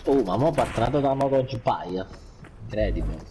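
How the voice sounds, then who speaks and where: Excitable sweary Neapolitan man gaming. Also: mid-range voice, brisk. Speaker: gamer in squad voice chat. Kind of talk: casual gaming chat with friends. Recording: noisy gaming voice chat.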